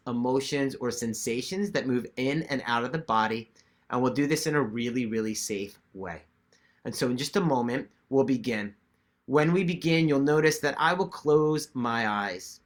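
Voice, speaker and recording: A man giving guided meditation instruction to viewers in a gentle, reassuring and measured way. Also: mid-range voice. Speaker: meditation teacher.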